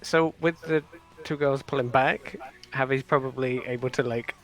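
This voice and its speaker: A man's voice: mid-range voice, steady tone, normal speed, a bit bright, low-quality recording. A man playing a tabletop game, laid-back and joking as he describes his character's moves. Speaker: player.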